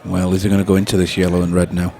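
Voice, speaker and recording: Low-voiced man, laughing club snooker commentator. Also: monotone, very fast, gravelly, dark tone. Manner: laughs easily, chatty. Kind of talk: relaxed live sports commentary.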